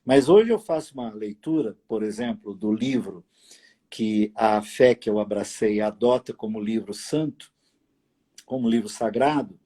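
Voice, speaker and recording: A man hosting a late-night live video chat from his apartment, speaking slowly and deliberately with long pauses and fillers. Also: on the low side, dark tone. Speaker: host. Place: apartment at home.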